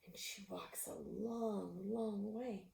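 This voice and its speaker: A woman reading a picture book aloud, expressive, sometimes dropping to a whisper. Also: medium pitch, takes it slowly, gravelly, slight background noise. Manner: expressive, with gasps and animal sounds; drops to a whisper at tense moments. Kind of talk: storybook read-aloud. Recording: roomy echo.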